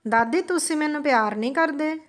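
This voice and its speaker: A woman's voice: high-pitched, fairly quick, pitched above the performer's own voice, lightly acted. A woman voicing an innocent young boy who speaks earnestly and pleads.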